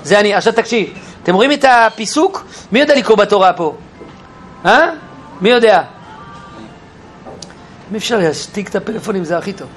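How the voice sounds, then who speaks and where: High-voiced man teaching a lively Bible class. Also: pauses often, soft background music. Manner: animated, questions the class, acts out quotes. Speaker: Torah teacher.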